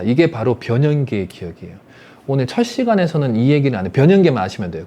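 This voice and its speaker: A man's voice: a little high, dark tone. A man giving an online adult-education lecture on family psychology, often asking rhetorical questions. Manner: asks the audience rhetorical questions; acts out parents' scolding in quoted voices.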